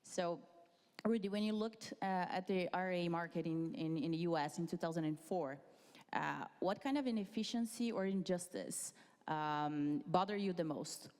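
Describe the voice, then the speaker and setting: A woman's voice: on the low side, moderate pace, a little mellow, in a large hall. Hesitant woman moderating on stage. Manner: hesitant, many fillers and restarts. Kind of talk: conference fireside chat. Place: conference stage.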